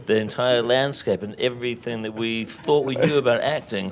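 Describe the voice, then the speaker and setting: A man being interviewed at a film press event, joking about himself in a deadpan, self-mocking way. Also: mid-range voice, normal speed. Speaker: film director and actor, interview guest. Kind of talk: press junket chat.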